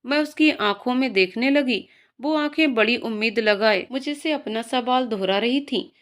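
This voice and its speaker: A woman narrating an emotional first-person story in a soft, gentle reading voice. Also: fairly high pitch, moderate pace.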